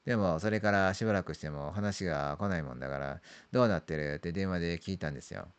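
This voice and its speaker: Deep-voiced man telling a creepy ghost story. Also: smooth. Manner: creepy storytelling with drawn-out words, repeated phrases and trailing sentence ends. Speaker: amateur ghost story teller. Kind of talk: spooky ghost story narration imitating a veteran storyteller. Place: small dark room indoors.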